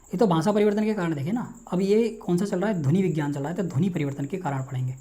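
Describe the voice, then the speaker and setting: A man teaching linguistics in a quick, repetitive lecture style, asking and answering his own questions. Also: high-pitched, dark tone. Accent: Hindi. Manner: rapid, repetitive, quizzes himself aloud. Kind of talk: online exam-prep lecture.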